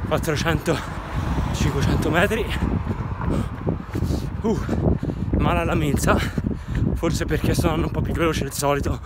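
A man's voice: fairly high pitch, very noisy. Young man vlogging to his phone camera. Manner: upbeat, addresses viewers directly. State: out of breath after running. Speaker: fitness vlogger. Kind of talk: casual vlog to camera. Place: parked car, then outdoors on a street, then a kitchen. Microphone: phone camera at arm's length.

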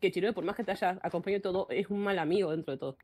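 A woman's voice: on the low side, very fast, a little mellow, a little hiss or hum. A woman streamer with an Argentine Spanish accent, ranting bluntly in casual live-stream chat and often cutting herself off mid-sentence. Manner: blunt, ranting, frequent self-interruptions.

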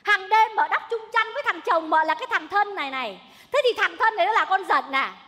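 A woman's voice: very high voice, background noise. A woman playing a domineering old mother-in-law in a stage comedy sketch, nagging, scolding and wailing. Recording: stage recording with long hall reverb.

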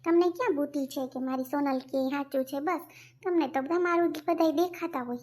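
A bossy young wife in a cartoon, played by a woman, nagging. Her voice is high and insistent. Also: a little fast, darkish tone, natural voice. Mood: scolding. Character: sharp-tongued young wife.

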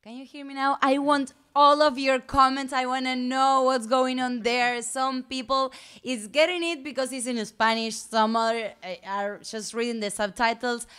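A woman's voice: sits high, fairly even intonation, measured pace, pushed and bright, clean tone. A woman hosting a live stream, talking earnestly in non-native English with fillers.

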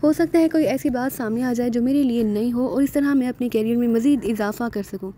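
A man's voice: very high voice, a little fast, warm tone, slight background noise. A woman voicing a clever male secret agent who asks questions in a polite, innocent-seeming way. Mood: inquisitive.

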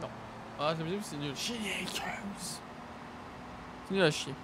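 A man's voice: on the high side, racing, noisy background. A young man, a native French speaker, giving casual gaming commentary into a close microphone. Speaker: game streamer. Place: indoor streaming room. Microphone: close studio microphone on arm.

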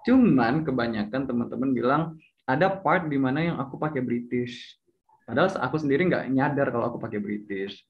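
A man's voice: medium pitch, lively intonation, brisk. Young man, casual and chatty, hesitant with fillers; muffled recording. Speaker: speaker sharing English tips. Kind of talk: casual chat. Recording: slightly dull lo-fi audio.

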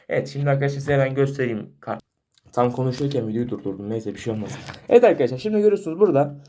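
A man's voice: medium pitch, dark tone. A man vlogging in a casual chat to camera as he shows off his card collection. He keeps turning to address his viewers as friends and stumbles over names.

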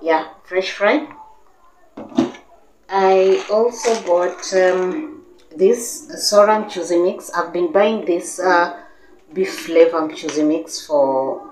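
In a noisy, reverberant living room with a sofa, a young Kenyan vlogger talks slowly in a lowish voice. She chats casually to camera about her grocery haul in Kenyan English, gesturing a great deal and peppering her talk with fillers and false starts.

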